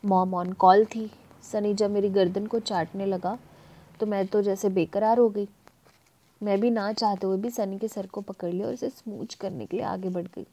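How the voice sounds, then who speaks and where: A woman reads a first-person audio story aloud. Her narration is intimate and breathy, with a scripted storytelling flow. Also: mid-range voice, fairly even intonation, moderate pace, warm tone.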